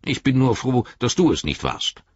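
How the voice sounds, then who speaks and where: A man voicing a blunt, gruff dwarf warrior in an audiobook, pitched up from his own low voice. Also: very animated, normal speed, darkish tone, no room sound, dull audio.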